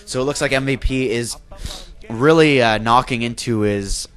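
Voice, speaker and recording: A young male esports caster with the flu gives loose play-by-play on a video game match, sounding nasal and congested. His voice is medium-pitched and a bit bright at a normal speed, full of fillers and self-corrections, with soft music in the background.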